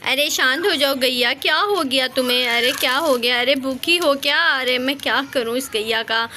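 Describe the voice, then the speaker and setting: A woman voicing a flustered village housewife in a doll storybook, exclaiming and gently scolding. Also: sits high, normal speed, slight background noise.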